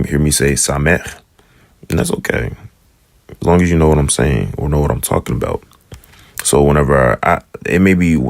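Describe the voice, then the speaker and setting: Male teacher, extremely low voice, dry close sound, laid-back and meandering, draws sounds out. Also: no room sound. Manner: relaxed, rambling explanations with slow drawn-out sound demonstrations. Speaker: Hebrew teacher. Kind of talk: casual spoken lesson.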